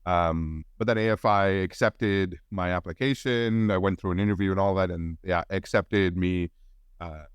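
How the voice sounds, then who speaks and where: A man in his forties from India, a guest on a podcast, telling his story in a relaxed, rambling way with many restarts. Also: sits low, normal speed, clear, resonant tone, no room sound, studio quality. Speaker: guest film editor. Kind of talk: casual podcast interview.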